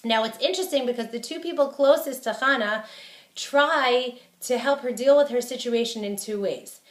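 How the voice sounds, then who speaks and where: Higher-voiced woman lecturing in a roomy space. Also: moderate pace. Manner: emphatic repetition for stress; explains verses in plain terms. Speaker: Torah teacher. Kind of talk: spoken Torah lecture.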